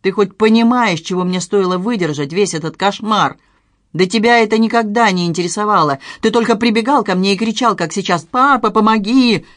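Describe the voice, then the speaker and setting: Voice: mid-range voice, a little fast, fairly bright tone, no echo, voice pushed up, lightly acted. An audiobook narrator voicing a tired, stern middle-aged father, a mayor, who scolds with weary authority, in a dry recording. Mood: exasperated. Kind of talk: dramatized audiobook reading.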